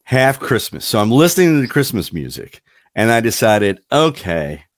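A man's voice: medium pitch, big pitch swings, normal speed, dry recording, clean studio sound. A man hosting a casual podcast chat, rambling and wandering off on tangents. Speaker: podcast host.

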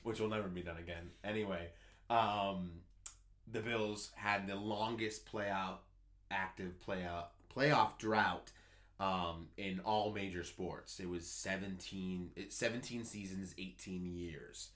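A man with a deep voice co-hosts a casual sports podcast, taking his time as he eagerly tells a story. He's an excitable storyteller who rambles and keeps restarting.

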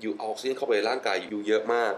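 A young man with a fairly low voice talks with real enthusiasm, laughing often and repeating words for emphasis. His tone stays casual and chatty. A faint noise sits under the recording. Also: steady tone, fast talker, poor audio. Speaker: wellness guest. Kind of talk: casual interview chat mixing English.

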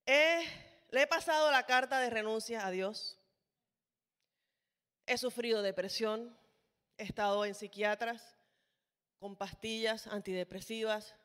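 A woman's voice: on the high side, fairly bright tone. A woman preaching a sermon in a church hall. She speaks with passion and builds to emphatic rhetorical questions. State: sweaty, toweling off. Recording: long reverb of a large hall.

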